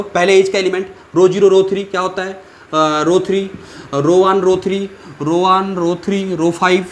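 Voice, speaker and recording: A man's voice: high-pitched, slight background noise. A man lecturing on maths to students, repeating steps, putting questions to them and thinking aloud with fillers. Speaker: maths teacher. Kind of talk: whiteboard lecture.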